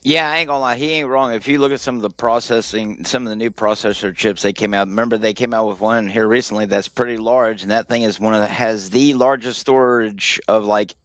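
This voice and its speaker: A man's voice: on the low side, fairly even intonation, a little fast, hardly any pauses, no echo. Slangy, joking man, dry sound. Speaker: podcast participant. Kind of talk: casual joking chat.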